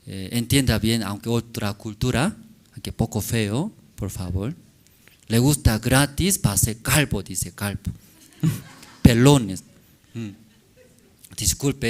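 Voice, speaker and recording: A man preaching a sermon in a church, speaking with a Korean accent as a non-native speaker, in halting, simple phrasing and often checking with his listeners. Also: mid-range voice. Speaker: pastor.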